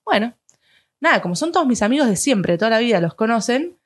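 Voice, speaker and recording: A woman's voice: on the high side, very animated, fast. Chatty Rioplatense young woman. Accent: Rioplatense Spanish. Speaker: podcast co-host. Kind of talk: casual chat.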